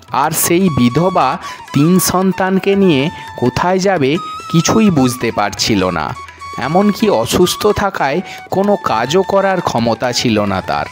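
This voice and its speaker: A man narrating a devotional moral story in a slow, measured storytelling manner. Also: on the high side.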